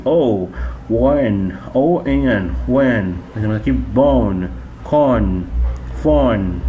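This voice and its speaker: A man leads a phonics lesson, drawing out each sound and word and repeating it patiently. He speaks at an unhurried, deliberate pace in a middle-pitched voice. A faint hum of ambience sits behind him. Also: mellow. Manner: slow, drawn-out repetition of sounds and words. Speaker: English teacher.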